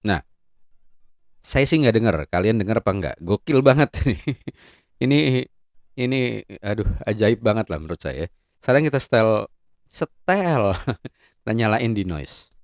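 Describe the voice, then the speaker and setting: A man's voice: fairly low pitch, animated, moderate pace, long pauses, dry recording. A man hosting a casual product review in a playful, joking, chatty way. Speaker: host and gear reviewer.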